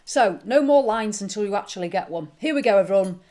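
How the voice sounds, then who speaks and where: A woman's voice: mid-range voice, expressive, fast talker, warm tone. A woman chatting casually as co-host of a live online bingo game, checking on players. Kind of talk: casual live-stream chat.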